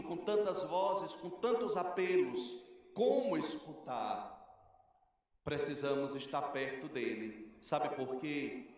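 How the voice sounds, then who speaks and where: A man with a Brazilian Portuguese accent, a parish priest giving a homily in an earnest, measured preaching manner with rhetorical questions, recorded in a cathedral. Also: on the high side, darkish tone. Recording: echoey cathedral, mic at a distance.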